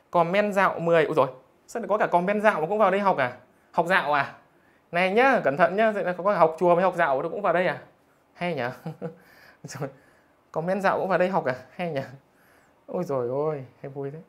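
A male math teacher, reading out students' scores in a live online lesson in a teasing, jokey way. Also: sits high. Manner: teasing, jokey, keeps asking "được chưa?".

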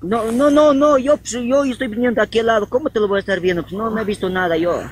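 An actor with a Bolivian Spanish accent playing a sly village trader in a film, with a scolding, bossy way of talking. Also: male voice, extremely high pitch, quick pace, slight background noise. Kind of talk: film acting.

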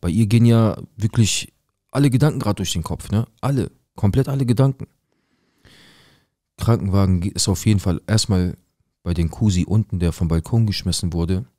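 A man's voice: lowish voice, normal speed, warm tone, no room sound, clean studio sound. A young man telling a dramatic true story in casual, slangy street talk, speaking to his viewers.

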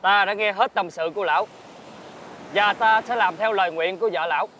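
A man's voice: sits high, fairly quick, pushed and bright, a little hiss or hum, low-quality recording. An actor playing a young male dragon prince in human form who speaks in a formal, commanding way. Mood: solemn.

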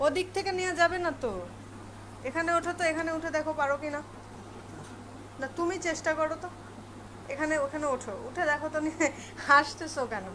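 High-voiced woman scolding her pet. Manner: scolding and coaxing in baby talk. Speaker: pet owner. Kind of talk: home video, talking to a pet. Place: home at night. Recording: noisy home recording with dog sounds. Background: dog barking and whining.

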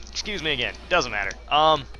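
A let's play host rambles casually while playing a video game, filling his commentary with fillers and self-deprecating asides. His voice is fairly high, pushed, and bright, with slight background noise behind it.

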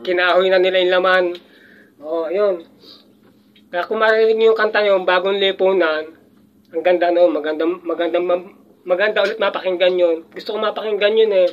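A man's voice: high voice, fairly even intonation, moderate pace. An older man in casual chat, rambling and reminiscing with chuckles and frequent restarts. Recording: muffled lo-fi audio.

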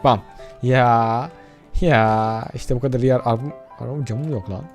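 A man doing excitable let's-play commentary, chatting straight to his viewers and cursing casually at the game. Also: mid-range voice, normal speed, music in the background. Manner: addresses viewers directly. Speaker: gaming YouTuber.

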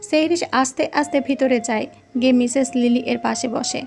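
A woman's voice: high voice, moderate pace, creaky, a little mellow. A woman narrating a romantic audio story, reading every character's lines in her own voice. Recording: faint music behind.

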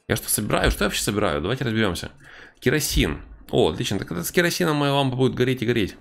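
A man's voice: medium pitch, sing-song, very fast, gravelly, fairly bright tone. A man giving casual, wry commentary on a horror game playthrough, with mock-tough banter. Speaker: game streamer.

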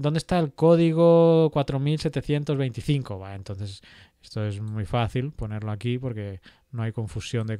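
A man walks through a software tutorial at a computer, thinking aloud and filling pauses with "eh" and "¿vale?". His voice is mid-pitched and recorded dry and close, with no room sound. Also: smooth, no echo. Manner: thinks aloud with frequent fillers and rhetorical "¿vale?". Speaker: GIS instructor.

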